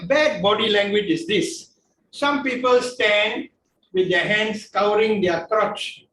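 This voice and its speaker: Jokey male speaking coach, very high pitch, recorded far from the mic in an echoey room. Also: fairly bright tone, a little hiss or hum. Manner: joking, keeps checking in with "okay?". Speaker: public speaking trainer. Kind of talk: club talk on public speaking.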